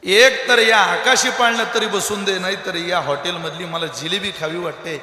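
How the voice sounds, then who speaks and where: A man's voice: sits high, fairly even intonation, normal speed, bright, forceful tone. A man voicing a small boy who begs for treats and cries for his mother in a sermon story. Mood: begging. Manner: whining, tearful. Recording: echoey hall.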